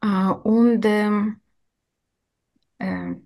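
Slow, halting Ukrainian-accented woman on a video call. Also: medium pitch, little pitch movement, a little mellow. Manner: halting, many filler sounds, slow and deliberate. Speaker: participant introducing herself. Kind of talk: careful self-introduction in learned German. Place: indoor room.

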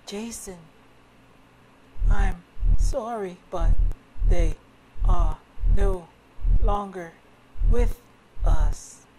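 A man voicing a gentle female stranger from a video game, doing a woman's voice with halting, word-by-word delivery. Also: sits high, background noise, voice pushed up. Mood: sorrowful. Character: gentle female stranger addressing a patient, read from game text. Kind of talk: dramatic reading of video game text.

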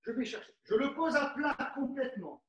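A man's voice: extremely high pitch, expressive, fairly quick, a bit bright, lo-fi sound. A middle-aged man coaching a live fencing workout class, instructive and coaxing, often adding "hein" as he demonstrates and sometimes moves away from the mic.

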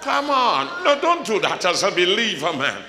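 A man preaching a sermon as a pastor, from the Caribbean, swinging from shouted high points to humorous asides. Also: very animated, moderate pace, reverberant, big-room sound, a faint crowd.

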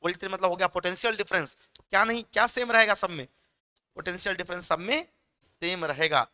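A man's voice: high-pitched, brisk, pushed and bright, smooth. A young man with a Bihari Hindi accent teaching physics exam questions in a chatty, joking classroom manner, mixing in English terms. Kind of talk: exam-prep lecture.

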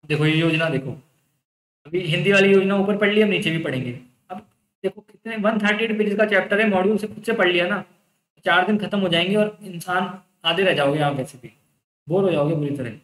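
A man's voice: high voice, a little fast, fairly bright tone, echoey room, rough recording. A young man teaching an exam-prep lecture in a casual, reassuring way, explaining rules by their intent.

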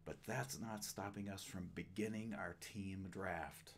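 A man hosting his own channel, making a mock-grand, self-mocking announcement in a pompous, drawn-out way. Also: low-pitched, fairly even intonation, a bit bright, slight background noise. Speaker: host of a card-break channel.

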